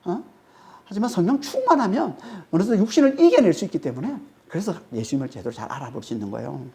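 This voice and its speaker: A woman's voice: fairly low pitch, sing-song, fast talker, mellow, a little hiss or hum. A woman preaching a sermon. She is emphatic, repeats key phrases and keeps checking in with a prompting "eh?". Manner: often adds a prompting "eh?" to check the audience. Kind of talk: expository sermon.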